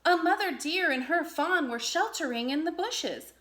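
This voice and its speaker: A woman reading a children's story aloud in an expressive narrating style. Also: very high-pitched, normal speed, slight background noise. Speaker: storybook reader.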